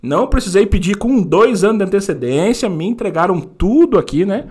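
A man's voice: sits high, lively intonation, darkish tone, breathy edge. A young man from Brazil hosting a casual live-stream chat, joking and teasing his guest in a small foam-padded studio. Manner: joking, teasing, quick banter. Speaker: host.

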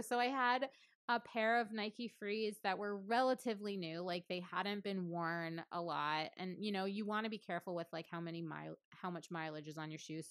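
Female PT co-host, 30s, lowish voice, casual rambling storyteller, dry recording. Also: dry recording. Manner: chatty, many fillers, laughs often, lively storytelling. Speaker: physical therapist and podcast co-host. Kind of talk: casual chat.

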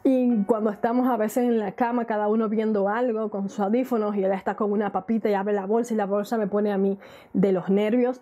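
A woman's voice: on the high side, mellow. A married woman vlogging casually to her viewers, chatty and full of questions, laughing now and then. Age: adult, married. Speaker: YouTube vlogger. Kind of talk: casual chat to camera.

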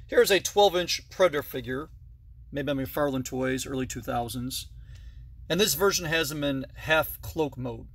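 In a toy-filled basement indoors, a man in his thirties records a chatty, thorough tour of his collection on a phone held out at arm's length. His mid-range voice moves a little slowly.

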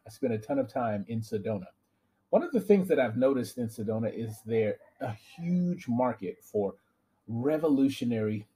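A middle-aged man, a fitness trainer and equipment dealer, giving an earnest, persuasive sales pitch straight to camera from a small home office. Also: warm tone, slightly rough. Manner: earnest, persuasive, emphatic on key words.

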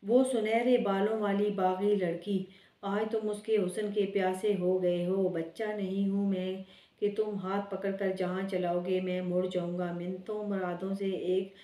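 A woman's voice: mid-range voice, little pitch movement, warm tone, close to an everyday voice. A woman reading as a stern scolding brother. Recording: echoey room.

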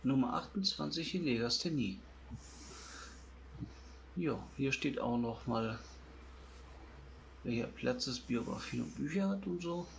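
A man talking casually in a vlog, slow and steady in pace. Faint noise hums underneath the recording. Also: mid-range voice, creaky. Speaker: YouTuber.

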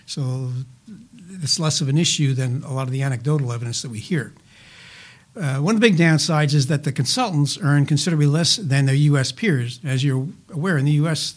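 An older man, a healthcare finance advisor, answers interview questions in a measured way, leaning heavily on statistics. He uses frequent "uh" fillers and drops dry asides, and his voice is mid-range.

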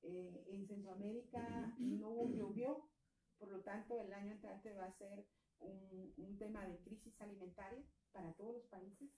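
A woman's voice: mid-range voice, fairly even intonation, measured pace, mellow. A woman from Guatemala with a Guatemalan Spanish accent, an activist earnestly explaining a political crisis, with frequent fillers and tag questions. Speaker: women's movement activist. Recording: echoey room from a distance.

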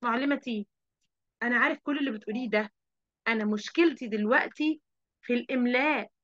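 A woman voicing an impatient schoolboy who pushes his teacher with fast, insistent questions. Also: on the high side, fairly bright tone, muffled recording, close to an everyday voice.

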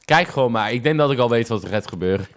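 Animated young man reacting to clips. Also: medium pitch, fast talker. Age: young adult. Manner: animated, exclamatory, slangy with English interjections. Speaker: reaction video host. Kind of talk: casual reaction commentary. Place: small furnished room at home, indoors. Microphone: close desk microphone, headset on.

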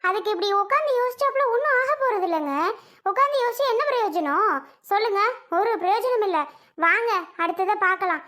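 A woman playing a practical middle-aged wife who briskly scolds her husband in a home-made family drama skit. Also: extremely high pitch, lively intonation, pushed and bright, exaggerated voice. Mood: scolding.

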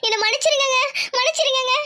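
Woman voicing squeaky timid village girl Tamil. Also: racing. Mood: anxious. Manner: anxious, hushed and pleading. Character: timid young village woman in love, fearful. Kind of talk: cartoon voice acting.

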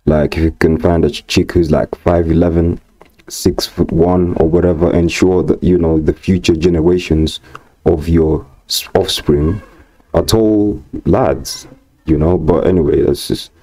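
Male host, 30s, deep and mellow, relaxed rambling commentary. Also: unhurried. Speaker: reaction channel host. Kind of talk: casual reaction commentary.

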